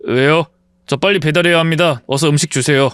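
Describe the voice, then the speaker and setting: A reader doing a pathetic blustering ex-husband. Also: male voice, on the high side, fairly even intonation, fairly quick, fairly bright tone, dry recording, lightly acted. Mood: gruff. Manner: gruff, pleading, blustering. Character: pathetic indebted ex-husband, whiny then blustering.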